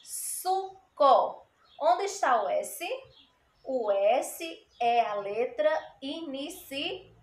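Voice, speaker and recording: Slow, high-voiced woman teacher. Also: animated. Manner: says each word slowly twice, then explains it patiently. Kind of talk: spelling lesson for children. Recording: echoey room.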